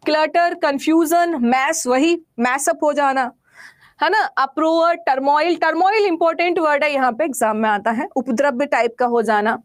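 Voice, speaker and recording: A woman's voice: high-pitched, moderate pace. A woman teacher explaining vocabulary, asking questions and answering them everyday examples. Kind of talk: classroom vocabulary lesson.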